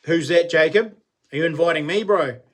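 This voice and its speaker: A man's voice: a little high, moderate pace, a bit bright. A man in his late forties with a broad New Zealand accent, chatting casually as he hosts a livestream, in a blokey, slangy, laid-back way. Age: late 40s. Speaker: live stream host. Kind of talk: casual livestream chat, reading and answering comments.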